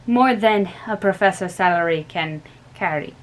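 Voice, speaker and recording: Reading aloud in a small bedroom, a young woman with a lowish voice takes on the role of a tired middle-aged male professor, using a fake German accent and speaking with earnest emphasis. Her pace is moderate and the acting light, and the close-range webcam audio is poor.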